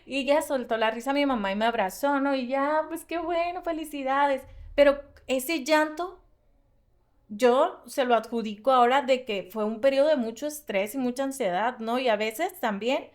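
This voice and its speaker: A woman with a Mexican accent, co-hosting a podcast and telling personal stories in a lively, fast-bursting way. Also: sits high. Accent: Mexican Spanish. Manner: animated storytelling, fast bursts, frequent laughs. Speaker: podcast co-host. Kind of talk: casual podcast conversation.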